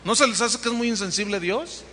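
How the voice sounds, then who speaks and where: Animated preacher, bright voice. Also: male voice, high-pitched, fairly quick, big-room sound, slight background noise. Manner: animated, asks the congregation questions. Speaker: pastor. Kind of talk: sermon.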